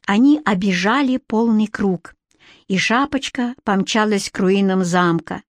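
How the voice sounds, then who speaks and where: A woman reading a storybook aloud as narrator, lively and expressive. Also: mid-range voice, a little slow, no room sound. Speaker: audiobook narrator.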